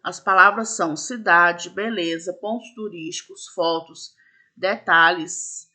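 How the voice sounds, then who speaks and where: Lady teacher, bright voice, goes slow n patient, lots of little fillers. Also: fairly low pitch, fairly even intonation. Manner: patient, explains step by step with many fillers. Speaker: schoolteacher. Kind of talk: recorded classroom lesson.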